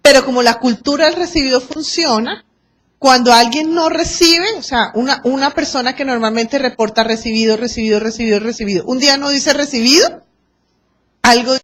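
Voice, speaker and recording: Colombian lady teaching a law class, high voice, tells stories, acts out the quotes. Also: fairly quick. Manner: lively, acts out quoted exchanges, tells anecdotes. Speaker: arbitration course lecturer. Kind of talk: lecture to a class.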